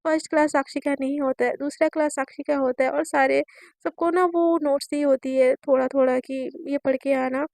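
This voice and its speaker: A woman's voice: sits high, darkish tone, no room sound. A woman telling a romance story in a chatty, casual narrating way. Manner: chatty, with many fillers.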